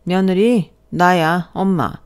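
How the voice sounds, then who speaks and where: A grasping older mother-in-law, put on by a woman reading the story, scolds in a shrill, indignant voice. She wheedles and pushes for money in a spoken story narration. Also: slow pace, clear, resonant tone. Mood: wheedling.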